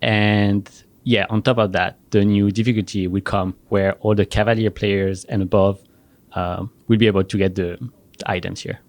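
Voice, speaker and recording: A man gives straightforward answers as a game developer in a casual interview. His voice is low, and he keeps each point brief with the odd filler. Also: little pitch movement, normal speed, no room sound.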